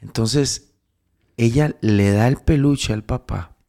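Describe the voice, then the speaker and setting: A man tells a moral story in casual preaching talk, halting and restarting as he goes. He builds into emphatic, raised exhortation. His voice is dark and mellow, with a gravelly edge. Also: medium pitch. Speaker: devout storyteller giving spiritual counsel.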